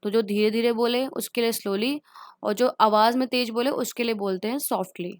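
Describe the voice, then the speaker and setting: A woman with an Indian accent teaching everyday English phrases. She says each phrase twice, very slowly, then explains it quickly. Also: a little high, fairly even intonation, no echo, clean studio sound. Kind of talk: spoken English lesson.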